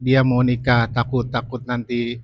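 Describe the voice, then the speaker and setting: Male audience member, halting delivery, mid pitch, dry recording. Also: monotone, no echo, muffled recording. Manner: hesitant, many fillers. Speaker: audience member asking a question.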